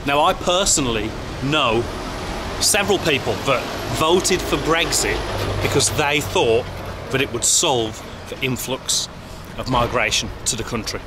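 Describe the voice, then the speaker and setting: Guy vlogging on a busy street, mid pitch, chatty, traffic noise around. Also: a little slow. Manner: chatty, friendly questioning. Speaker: travel vlogger and host. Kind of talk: casual vlog narration and street interviews. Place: outdoors on town streets.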